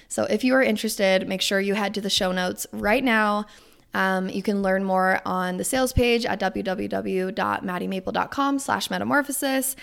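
A young woman podcast host and coach giving a casual, gushing promotional monologue, rambling and digressing, with some swearing and a creaky vocal fry. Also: mid-range voice, fairly bright tone. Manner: gushing, enthusiastic.

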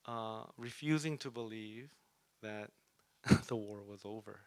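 A man's voice: fairly low pitch, measured pace, darkish tone, dry recording. Man preaching in a chatty way, dry sound. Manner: conversational, often asks "right?", uses fillers. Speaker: preacher teaching a Bible study. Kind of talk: sermon.

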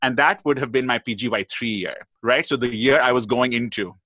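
A man's voice: mid-range voice, a little fast, bright, forceful tone, no echo. A man, a guest pathologist, telling a long story in a podcast interview, chatty and full of "like" and "you know".

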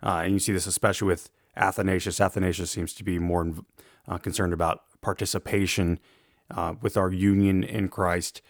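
Guy with a deep gravelly allergy voice doing a casual lecture, careful explainer, really dry sound. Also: level tone, a little fast, no room sound. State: rough voice from allergies. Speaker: theology lecturer. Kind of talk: informal lecture.

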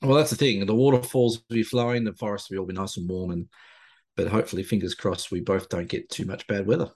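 Laconic Australian man with a low drawl. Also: fairly even intonation, quick pace, darkish tone. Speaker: co-host, landscape photographer. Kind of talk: casual chat on a video show.

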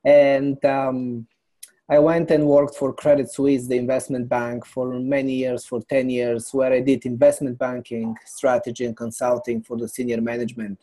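A middle-aged man from Bulgaria, a company founder explaining his business as a podcast guest in a measured way. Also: medium pitch, little pitch movement, dark tone. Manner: measured, explanatory, lists items. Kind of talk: business interview.

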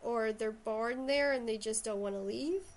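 A woman's voice: a little high, normal speed. A woman with a Shetland accent chatting casually and enthusiastically about books as a host. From Shetland, Scotland. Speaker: podcast host and writer. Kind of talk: casual book chat.

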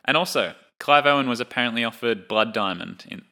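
Bright-voiced young man chatting about films. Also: mid-range voice, fairly quick. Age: young adult. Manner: relaxed, chatty, laughs while talking. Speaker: film podcast co-host. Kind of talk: casual chat.

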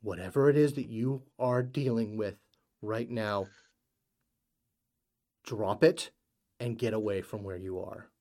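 A man's voice: lowish voice, unhurried, long pauses, mellow, pitched below the performer's own voice, close to an everyday voice. A man voicing a stern, worried father who gives curt, urgent orders.

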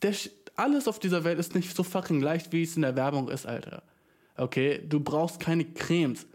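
Young guy ranting to camera, swears constantly, slangy, kinda high voice, pitch shoots up when he gets worked up. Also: moderate pace. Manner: slangy, swears a lot, mixes in English words; animated, jumps in pitch for emphasis. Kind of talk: casual comedic rant.

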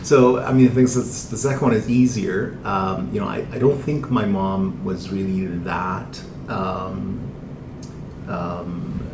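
A middle-aged man from Egypt, a physician guest, talking casually with many pauses and restarts. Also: fairly even intonation, gravelly. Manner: hesitant, many ums and restarts, chuckles. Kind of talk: casual interview talk. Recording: echoey room with loud rumble.

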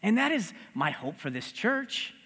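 A man preaching a sermon in a church, his voice high and swinging widely up and down as he tells the story. He keeps it chatty and funny, and his words roll out into the long reverb of a big sanctuary. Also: measured pace, husky. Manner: conversational, humorous, animated storytelling. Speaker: pastor.

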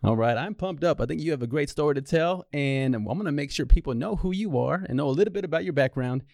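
A man's voice: fairly high pitch, lively intonation, fast, vocal fry, darkish tone, no room sound. A man hosting an interview podcast in a studio, upbeat and encouraging toward his guest. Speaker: podcast host.

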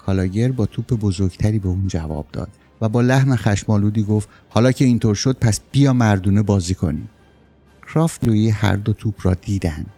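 A man narrating a war novel as an audiobook, steady storytelling that rises on dramatic lines. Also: fairly low pitch, gravelly. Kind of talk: scripted narration.

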